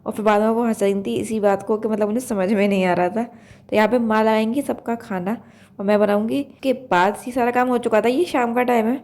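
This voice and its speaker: A young woman with a Uttar Pradesh Hindi accent talks through her day in a casual vlog voice-over, her slightly high voice hoarse and stuffy from a cold. She rambles on, packing her chat with fillers. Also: steady tone, brisk, darkish tone. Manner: chatty, rambling, full of fillers. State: hoarse, blocked nose from a cold. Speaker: vlog host.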